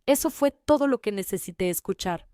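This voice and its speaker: A woman reading a first-person family story in an even, measured way. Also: mid-range voice, no echo, studio quality. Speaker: narrator.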